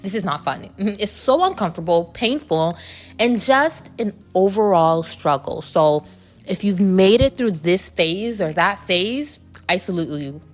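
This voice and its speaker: A woman's voice: mid-range voice, animated, a little slow, faint music behind. A woman hosting a casual, reflective solo podcast, speaking candidly and conversationally, with slightly muffled articulation from braces. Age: adult. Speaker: podcast host.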